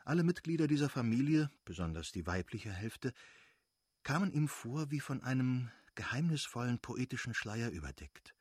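A man reading a novel aloud as narrator, in a measured, expressive way with a husky voice. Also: mid-range voice, dry recording, studio quality. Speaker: audiobook narrator.

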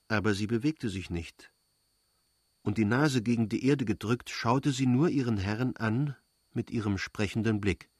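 A man's voice: mid-range voice, breathy edge, no echo. Dry, close-miked male audiobook narrator. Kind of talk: scripted narration.

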